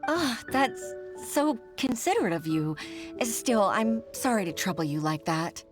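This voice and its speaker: Weary apologetic clerk, slow and sighing. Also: female voice, mid-range voice, big pitch swings. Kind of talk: video game voice acting. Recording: game music behind.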